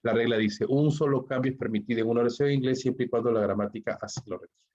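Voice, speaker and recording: Peruvian guy teaching english grammar online, keeps saying ok, mid pitch, kinda dull lo-fi sound. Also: quick pace, darkish tone. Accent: Peruvian Spanish. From Peru. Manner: explains step by step, checks with constant "¿ok?" and "¿no?". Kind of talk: recorded online class. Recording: dull lo-fi recording.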